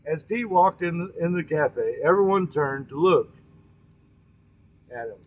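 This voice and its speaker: A storytelling host with a fairly high male voice spins a folksy yarn, speaking right to his audience in an expressive way. He's halting, frequently repeating and correcting his words, and the lo-fi recording sounds dull.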